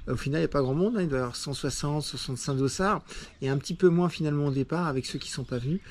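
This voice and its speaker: A man's voice: on the high side, rapid-fire, a little hiss or hum. Casual male trail-running vlogger, rambling delivery full of fillers, outdoor handheld recording. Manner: chatty, rambling with many fillers. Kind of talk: casual vlog chat. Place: outdoors after a race.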